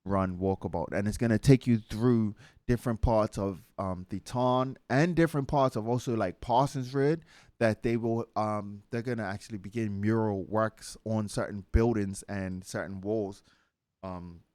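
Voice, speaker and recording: Male host, low voice, dry close mic, laid-back fillers. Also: normal speed, dry recording. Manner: relaxed, filler-heavy announcements. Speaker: show host. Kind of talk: casual podcast chat.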